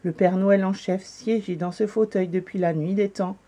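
Woman storyteller, calm children's story reading, mellow voice. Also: medium pitch, normal speed. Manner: calm, gentle narration.

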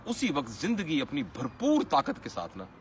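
A man's voice: fairly high pitch, huge pitch swings, moderate pace, a little hiss or hum. A man giving an earnest motivational talk in a preaching manner, rising to emphatic peaks. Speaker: motivational speaker.

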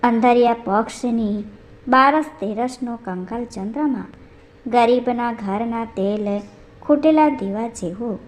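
A woman narrating a folk tale in a measured storytelling manner, reading the characters' dialogue within the narration. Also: on the high side.

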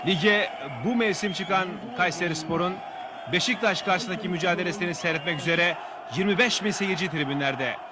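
A man narrating football match highlights as the commentator. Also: normal speed. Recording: loud crowd noise behind, noisy outdoor audio. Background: stadium crowd.

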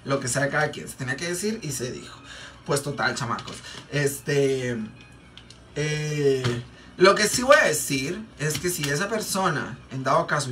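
A man's voice: medium pitch, fairly bright tone. A man with a Mexican Spanish accent, chatting and rambling in a casual gossip storytime while doing makeup for a vlog, with many fillers and repeats. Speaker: makeup vlogger. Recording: distant mic, faint background noise.

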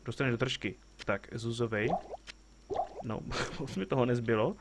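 A man's voice: mid-range voice, noisy background. A man streaming a game, chatting casually, joking with the characters on screen and greeting viewers as they arrive. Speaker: live streamer playing a game. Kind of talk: casual gameplay commentary.

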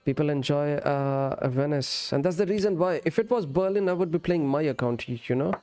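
Higher-pitched man chatting on stream. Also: brisk, a little mellow, clean tone. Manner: friendly, addresses viewers as friend and brother, switches between English and Urdu. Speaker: game streamer. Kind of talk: casual live-stream chat while gaming. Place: indoor streaming setup. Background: music.

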